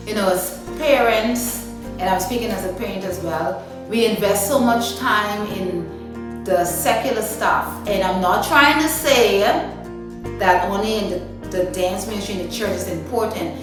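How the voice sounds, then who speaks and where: A woman from Guyana, answering interview questions about her dance ministry in a chatty way, with many "you know" fillers. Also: mid-range voice. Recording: echoey room, mic at a distance, music underneath.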